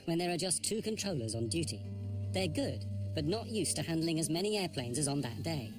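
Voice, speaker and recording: A man narrating a documentary in a measured, grave scripted delivery. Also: fairly high pitch, very animated. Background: music.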